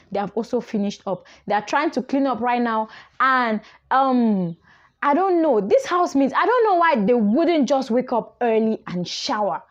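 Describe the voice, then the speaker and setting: A woman's voice: a little high, muffled recording. A young woman talks through a reality show in a casual chat. She is opinionated and thinks aloud, with fillers and restarts along the way.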